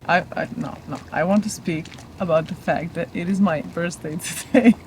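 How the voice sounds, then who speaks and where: A woman in her thirties with a continental European accent chats casually for her sailing vlog, her voice on the low side and at normal speed. The recording was made on board a boat and is noisy.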